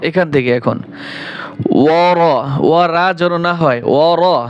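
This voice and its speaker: A man with a Bangladeshi Bengali accent teaching Quran reading, spelling out each syllable and then reciting the verses slowly and drawn out. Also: on the high side, lo-fi sound, slight background noise. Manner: slow drawn-out recitation between quick spelling explanations.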